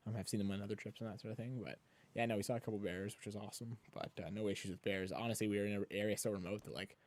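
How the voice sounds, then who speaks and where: Podcast guest, male, quick rambling delivery with a lower pitch. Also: steady tone, a little mellow. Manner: rambling, many "like" fillers, frequent laughs. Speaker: guest, kayak explorer. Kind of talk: casual podcast conversation.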